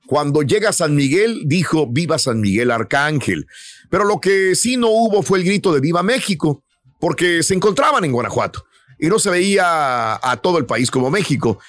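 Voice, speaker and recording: A man with a Mexican Spanish accent, hosting a comedic radio show and telling a history story with a playful, laughing manner. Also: on the high side. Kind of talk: comedic morning radio banter.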